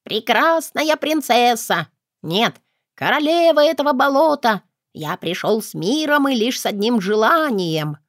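A woman voicing a brash, cheeky male plant creature with slow, theatrical declarations. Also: mid-range voice, very animated, no room sound, studio quality. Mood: grandiose.

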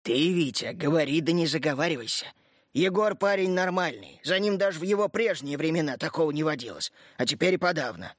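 A loud, exasperated old warrant officer who scolds and shouts, his voice riding high and sharp, as a male audiobook narrator puts him on. Dry, close sound with no room around it. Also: lively intonation, a little fast, dry recording. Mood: scolding. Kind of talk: audiobook character reading.

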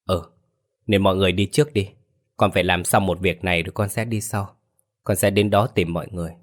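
A weary young villager, stern and protective, gives curt, hushed orders, as a man reads him. The voice is deep and low, and it barely strays from the narrator's own. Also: steady tone, fast talker, close to an everyday voice.

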